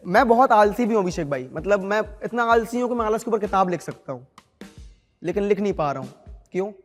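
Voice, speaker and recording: A man's voice: high-pitched, expressive, a little fast, in a large hall, faint music behind. A man doing a self-deprecating stand-up set on a comedy show stage.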